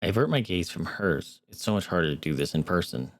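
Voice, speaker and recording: Deep-voiced man reading a game aloud. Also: big pitch swings, fast, no echo. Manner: earnest reading with wry asides. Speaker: streamer. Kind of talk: reading a visual novel aloud with commentary.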